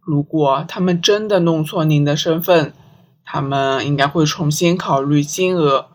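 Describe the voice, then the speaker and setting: A composed police inspector reasoning through a case, voice low and deliberate, as a woman reads him in a storybook. He lays out his thinking step by step without hurry. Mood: calm. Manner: calm, measured. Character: calm, analytical male police inspector.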